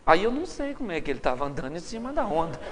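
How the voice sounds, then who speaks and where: A man's voice: high voice, very fast, slight background noise. A Brazilian Portuguese-accented man preaching a sermon to a live audience, telling stories with humor and acting out the quotes. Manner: humorous, animated storytelling with acted quotes. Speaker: pastor. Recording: live hall recording with long reverb.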